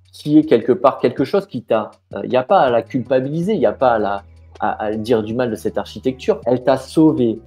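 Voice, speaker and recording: A man's voice: mid-range voice, dark tone. A man coaching the viewer directly in an informal, encouraging way, with fillers and restarted sentences. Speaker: business mindset coach. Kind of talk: coaching video talking straight to the viewer.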